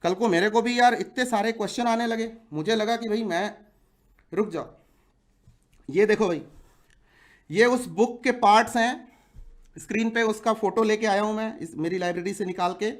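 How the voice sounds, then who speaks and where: A forty-year-old exam-prep teacher delivers a passionate video message to his viewers, sounding indignant and firing off rhetorical questions. His voice is high-pitched, and he talks at a normal speed with frequent pauses.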